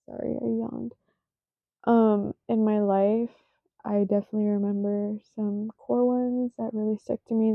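A woman in her twenties hosts her own podcast, chatting solo in a casual, rambling, self-conscious way. Her mid-range voice comes slowly and is full of fillers, and she sounds sleepy, yawning as she talks. The recording is dry and tinny, like a phone.

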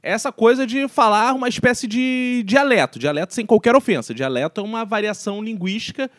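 High-voiced, jokey Brazilian man. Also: expressive, brisk. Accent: Brazilian Portuguese. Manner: irreverent, jokey, profane. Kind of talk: casual chat.

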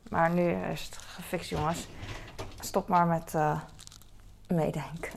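Woman, 30s, casual chore vlogger, rambling and chatty, low-ish with some gravel, faint hiss behind. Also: takes it slowly. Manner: chatty and rambling, animated when telling stories. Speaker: vlogger and mother. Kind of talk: casual chatty vlog while doing household chores.

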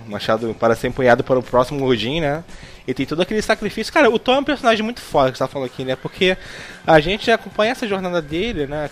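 A man with a Brazilian accent in a casual film discussion as a podcast host, speaking emphatically with slang and swearing. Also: on the high side.

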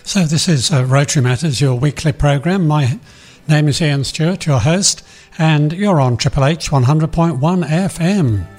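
A man's voice: a little high, moderate pace, darkish tone, soft background music. An Australian man hosting a community radio programme in a chatty way, addressing listeners directly and interviewing guests.

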